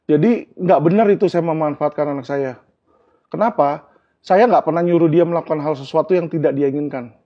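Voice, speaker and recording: A man speaks earnestly as an interview guest, with a husky, breathy edge to a slightly high voice. He explains his points with everyday examples. The recording sounds dull and lo-fi. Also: brisk. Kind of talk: candid interview talk.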